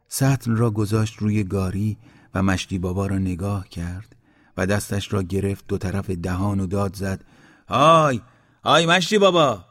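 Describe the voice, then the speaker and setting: A man reading a storybook aloud in a calm, measured way. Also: low-pitched. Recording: long hall reverb.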